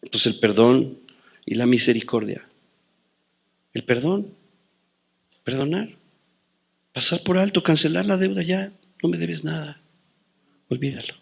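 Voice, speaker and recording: A man preaching a sermon as pastor, quoting scripture and telling personal stories, swinging between loud declarations and hushed asides. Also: fairly high pitch, lively intonation, measured pace, gravelly, pauses often, slightly rough.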